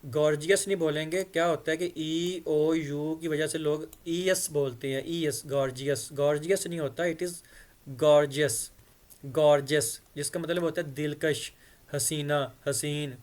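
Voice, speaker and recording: A man teaches English phrases. He reads each English line slowly and carefully, then explains its meaning at length. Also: on the high side, steady tone, a little mellow.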